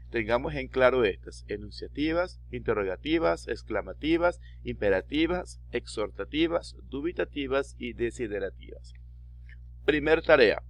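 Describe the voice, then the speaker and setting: A male teacher with an Ecuadorian Spanish accent, giving a recorded distance-school language lesson, explaining slowly, repeating key terms and asking rhetorical questions. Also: mid-range voice.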